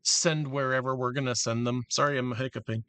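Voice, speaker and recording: A man giving casual, halting commentary while he plans a build in a game, thinking aloud with many restarts. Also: medium pitch, level tone, fairly bright tone, no echo. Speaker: gameplay commentator.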